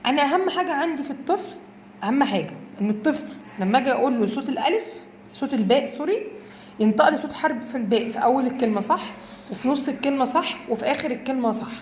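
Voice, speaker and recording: A woman with an Egyptian accent teaches speech therapy at a quick pace, modelling each sound slowly and checking that her listeners follow. Her voice sits fairly high. The room is echoey, with faint background noise. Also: expressive. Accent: Egyptian Arabic. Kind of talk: instructional explanation.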